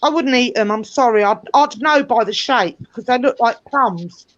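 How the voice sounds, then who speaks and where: A British woman with a high, loud voice, bantering casually. She is blunt and swears freely. The sound is somewhat dull. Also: moderate pace, dry recording. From United Kingdom.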